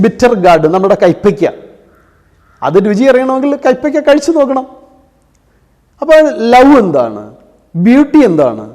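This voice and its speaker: High-pitched male teacher in a reverberant hall. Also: a little mellow. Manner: explains step by step, asks and answers his own questions; mixes English terms into his explanations. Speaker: English grammar teacher for exam coaching. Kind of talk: classroom-style lesson.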